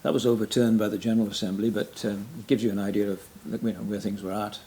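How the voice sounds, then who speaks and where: Speaking fast in a lowish voice with little pitch movement, a retired pastor from Wales in his sixties recalls his years of ministry during an interview. His Welsh accent is clear, and he often offers mm and yeah backchannels along with gentle laughs at his own expense.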